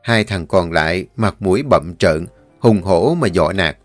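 A man narrating a story in a steady, vivid manner. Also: deep voice, a little slow, no room sound. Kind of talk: scripted audiobook narration. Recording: dry voice with faint music.

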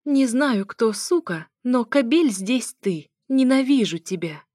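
A woman voicing a heartbroken young wife who cries and shouts through her tears. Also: fairly high pitch, animated, unhurried, no echo, clean studio sound, pitched above the performer's own voice. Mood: sobbing angry. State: crying.

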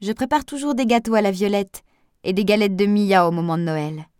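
A woman's voice: mid-range voice, a little fast, a little mellow, clean tone, no echo, clean studio sound, close to an everyday voice. A woman voicing a gossipy elderly village woman who talks in a confiding, old-fashioned way.

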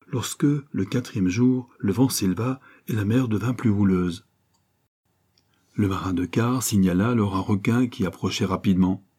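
A man's voice: mellow, husky. A man reading an adventure novel aloud as scripted narration, lifting his voice for the characters' lines. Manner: reads dialogue with lifted, livelier pitch. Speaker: audiobook reader.

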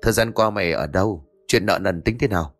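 A man's voice: low voice, fast, soft background music. A man reading as a blunt, gossiping old village woman. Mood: scolding.

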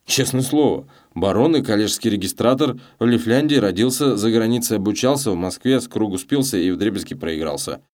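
A man's voice: lowish voice, lively intonation, fairly quick, few pauses, darkish tone, close to an everyday voice. A man voicing a boastful ruined gambler baron who rattles on pompously.

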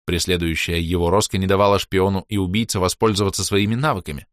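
A man's voice: sits low, fairly even intonation, quick pace, no echo, clean studio sound. A man narrating a fantasy audiobook in the first person, reading expressively.

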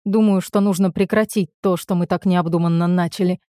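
A woman voicing a guilt-ridden young man who murmurs his words in hushed tones, in a storybook reading. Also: fairly low pitch, fairly even intonation, brisk, no room sound, studio quality, close to an everyday voice. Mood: remorseful.

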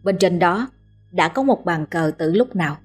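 A woman narrating a horror story in a slow, measured storytelling manner. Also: on the low side, animated, breathy edge, soft background music.

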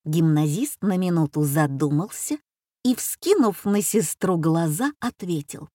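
A woman's voice: on the low side, animated, unhurried, dark tone, no echo, studio quality. A woman narrating a humorous story as a reader, telling it expressively. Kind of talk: scripted narration.

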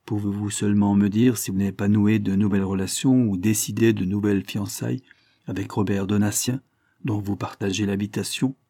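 A man reading aloud, voicing an earnest, dutiful male police inspector in a formal, measured way. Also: lowish voice, steady tone, warm tone, no echo, clean studio sound.

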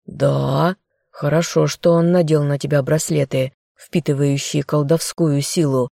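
A woman's voice: sits low, steady tone, measured pace, gravelly, dark tone, no echo, clean studio sound, heavily acted. Woman reading a smug young traitor. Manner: smirking, coaxing.

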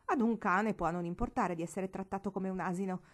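A woman's voice: medium pitch, a little fast, lightly acted. A woman reading aloud voices a proud male house cat, speaking in a lofty, offended way in a storybook reading. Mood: indignant.

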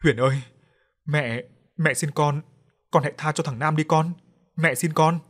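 A man's voice: mid-range voice, moderate pace, lightly acted. A man voicing a grieving middle-aged mother who begs her ghost daughter tearfully. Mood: pleading. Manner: begging, tearful.

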